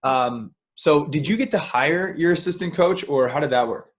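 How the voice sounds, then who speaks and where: A man hosting a podcast interview, asking thoughtful questions in a halting way with frequent restarts. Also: a little high. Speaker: podcast host. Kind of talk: casual interview.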